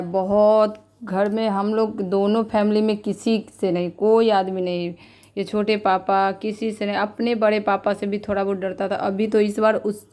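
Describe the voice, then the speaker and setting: Chatty woman vlogger, flat voice. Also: mid-range voice. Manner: chatty, repetitive, heartfelt. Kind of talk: casual vlog narration.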